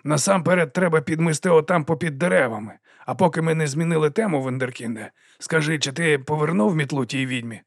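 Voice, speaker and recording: Sly ancient sweeper monk, mocking and chiding, voiced higher by a male reader. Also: a little fast, few pauses, no echo, studio quality. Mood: sly teasing. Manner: teasing, chiding, lively.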